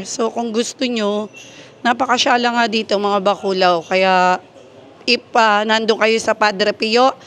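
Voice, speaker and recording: A woman's voice: on the high side, a little hiss or hum. A woman from the Philippines giving a chatty, gushing walking tour of a cafe garden on her handheld phone, switching between Tagalog and English. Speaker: travel vlogger. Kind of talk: casual walking tour vlog. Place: cafe garden during heavy rain.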